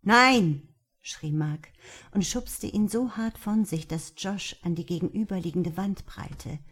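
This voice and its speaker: A woman narrating a novel in a steady, even audiobook reading. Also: medium pitch, normal speed. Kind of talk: scripted narration.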